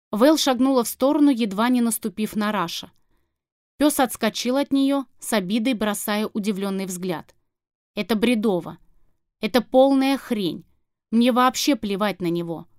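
A fierce, sharp-tongued young woman, read by a woman narrator who snaps back with sarcasm and heat. The voice sits fairly high, and the recording is dry and close. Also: a little slow, dry recording, lightly acted. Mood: defiant. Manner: sarcastic and heated, swearing. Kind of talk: audiobook character reading.

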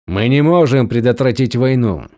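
Brief: man voicing a lazy, deadpan male mercenary, slow and dry. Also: medium pitch, no room sound, natural voice.

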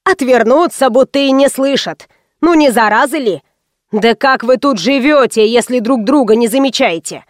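A woman voicing a loud, coarse, heavyset provincial woman who complains indignantly, in an audiobook. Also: sits high, moderate pace, no room sound, studio quality, close to an everyday voice.

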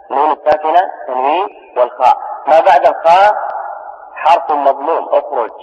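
Man, grammar teacher, methodical lesson, repeats examples slowly, muffled radio sound, long hall reverb. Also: mid-range voice.

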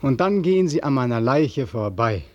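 Bitter young war veteran, accusing and mocking, radio play, dark husky voice, dry studio sound. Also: male voice, medium pitch, unhurried, no room sound, highs cut off.

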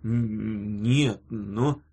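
A man's voice: on the low side, drawn-out words, mellow, slightly rough, heavily acted. A man voicing a timid stammering young man. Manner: stammering, hesitant. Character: timid meek young man, peace-loving. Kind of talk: audiobook character voice.

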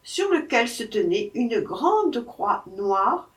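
A woman reading a first-person travel account aloud in a measured, expressive way, recorded slightly off-mic. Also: fairly high pitch, far from the mic. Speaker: audiobook reader.

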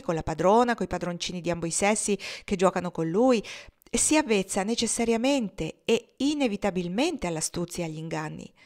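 Woman reading as mocking cynical gentleman. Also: lowish voice, natural voice. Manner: mocking, laughs while talking. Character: sardonic wealthy Southern gentleman, cynical, amused.

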